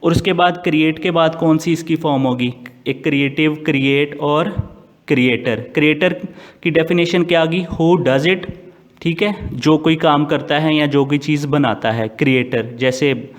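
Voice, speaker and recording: A man who speaks Urdu natively, giving an online English vocabulary lecture. He quizzes his students and answers his own questions, and he reads English phrases out slowly. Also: on the high side. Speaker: English teacher. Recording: long hall reverb.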